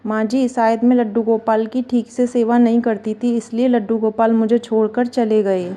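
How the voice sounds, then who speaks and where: A woman's voice: on the high side, little pitch movement, moderate pace, warm tone, close to an everyday voice. A woman voicing a devoted young wife who grows anxious and pleading in a spoken story. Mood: distressed.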